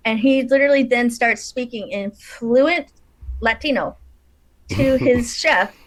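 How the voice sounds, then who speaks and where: Chatty woman podcaster, kinda high voice, laughs a lot, dry sound. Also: a little slow, no room sound. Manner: chatty, laughs often, animated storytelling. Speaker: podcast co-host. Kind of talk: casual conversation.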